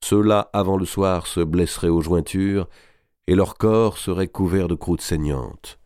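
A man reading a historical novel aloud as audiobook narration, measured and expressive. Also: deep voice, no room sound, clean studio sound.

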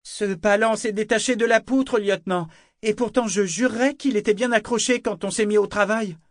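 A man's voice: sits high, fairly even intonation, normal speed, no room sound, studio quality, pitched above the performer's own voice. A man voicing a young sailor calling up to his lieutenant in a raised voice. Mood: innocent. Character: young sailor on deck, respectful and innocent-sounding.

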